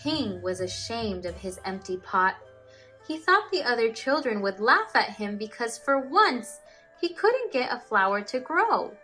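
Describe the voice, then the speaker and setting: Lady teacher doing story time for kids, slow n super expressive, up and down pitch. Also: faint music behind. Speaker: teacher reading children's storybook aloud. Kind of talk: expressive children's storybook reading.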